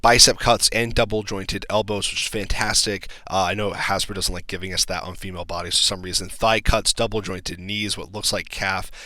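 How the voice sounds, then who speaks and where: A man's voice: low-pitched, fairly even intonation, brisk, hardly any pauses, pushed and bright, no echo. A man hosting his own channel, giving casual, chatty commentary on toy news, with lots of ums and likes and blunt opinions. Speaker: toy collector channel host.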